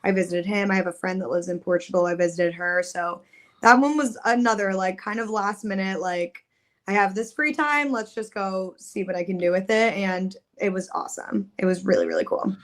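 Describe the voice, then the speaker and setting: A young adult woman, a singer appearing as a podcast guest, chats in an upbeat, casual way, saying "like" and "um" a lot. Her mid-range voice holds a steady tone at a moderate pace.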